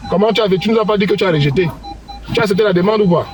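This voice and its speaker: A man's voice: sits high, rapid-fire, a little hiss or hum. A man on a heated online panel who teases another panelist, repeating and interrupting. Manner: teasing, repetitive, interrupting.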